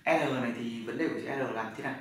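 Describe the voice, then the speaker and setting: A man with a Northern Vietnamese accent teaching Chinese pronunciation, repeating drill syllables in loud, clipped bursts. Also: mid-range voice, fast talker, a little hiss or hum. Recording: echoey room, far from mic.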